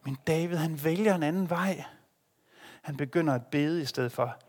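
A male preacher delivering a sermon with dramatic contrasts, dropping to near-whispers and rising to emphatic peaks. His voice sits a little high for a man. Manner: dramatic, swinging between hushed and loud.

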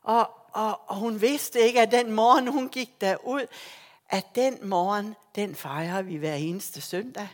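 A woman preaching a sermon, telling the story with feeling and acting out the lines of the people in it. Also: mid-range voice. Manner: animated storytelling, acting out quoted voices.

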